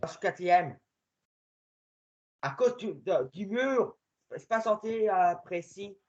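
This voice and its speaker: A man giving casual gaming commentary while playing with a friend, excitable and swinging between muttering and shouting. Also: high-pitched, slow, lo-fi sound.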